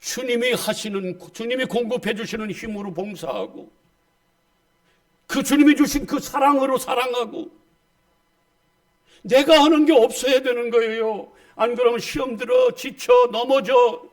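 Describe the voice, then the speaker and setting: A middle-aged male pastor, preaching a sermon with emphatic swings between loud exclamations and soft asides. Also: extremely high pitch, steady tone, normal speed.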